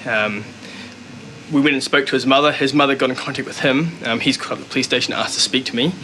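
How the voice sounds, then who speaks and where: A man's voice: mid-range voice, fast, bright, forceful tone. A male police officer with a broad New Zealand accent, asking interview questions and explaining matters in everyday words. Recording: echoey room, faint background noise.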